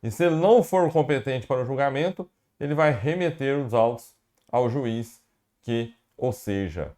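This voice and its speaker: A man's voice: mid-range voice, animated, moderate pace, a little mellow. A man with a Brazilian Portuguese accent lecturing on law for exam prep, repeating key definitions and asking and answering his own questions. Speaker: law professor.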